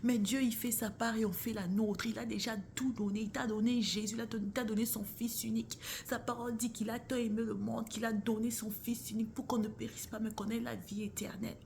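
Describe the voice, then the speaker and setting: Earnest woman sharing faith, gravelly edge. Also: fairly high pitch, level tone, fairly quick, hardly any pauses, a little mellow, slight background noise. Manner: earnest, addresses listener as sister or bro; often drops to a whisper. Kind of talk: casual faith talk to viewers.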